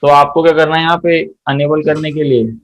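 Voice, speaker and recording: A man teaching an accounting software class, walking through each step and quizzing his students as he goes. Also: on the high side, little pitch movement, brisk, low-quality recording. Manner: explains step by step, often checks students' answers. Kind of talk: software tutorial lesson.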